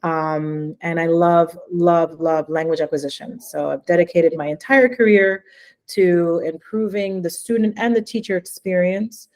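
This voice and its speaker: A middle-aged woman from New Jersey, USA, presents in a webinar as an education consultant. Her voice is fairly low, slow, and somewhat mellow, and she sounds enthusiastic while using lots of "um" fillers.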